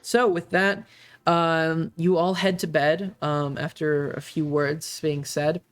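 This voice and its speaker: A game master narrating a tabletop game in a hesitant way, with many pauses and fillers. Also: mid-range voice, flat delivery.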